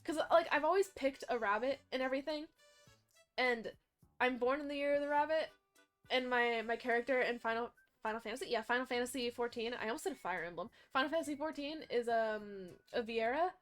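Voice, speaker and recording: A woman's voice: a little high, a little fast, soft background music. Chatty young woman streaming. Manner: chatty, animated, frequent self-corrections. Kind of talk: casual rambling chat to stream chat.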